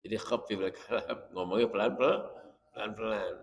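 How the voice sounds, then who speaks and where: A man's voice: mid-range voice, lively intonation, normal speed, a bit bright. Male Islamic teacher, joking lecture style, long hall echo. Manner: jokey, chatty, explains Arabic terms. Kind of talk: religious study lecture.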